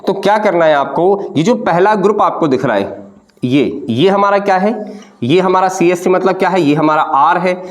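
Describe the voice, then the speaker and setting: A man's voice: high-pitched, normal speed. A man teaching a chemistry lesson to students, patient, often asking questions back and repeating the answers. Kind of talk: classroom lecture.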